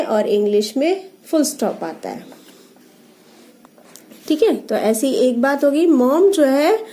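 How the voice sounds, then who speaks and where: A woman teaches phonics to small children with a high voice. She talks very slowly and breaks each word into its letter sounds before blending them. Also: dark tone. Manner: slow, sounding out letters one by one.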